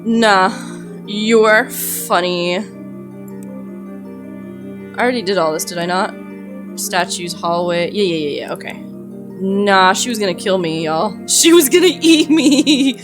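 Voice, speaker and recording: A woman playing a text adventure, reading the game's story aloud and reacting excitedly with laughs and yelps at the scares. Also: on the low side, unhurried, pauses often, music in the background. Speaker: game streamer. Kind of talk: let's-play commentary and reading game text.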